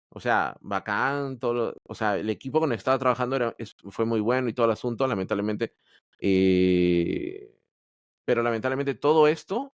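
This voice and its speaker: This Android developer from Peru is a podcast guest sharing his story in casual interview style, speaking candidly and hesitantly with frequent restarts. His medium-pitched voice is clear and resonant, captured with studio quality and no room sound.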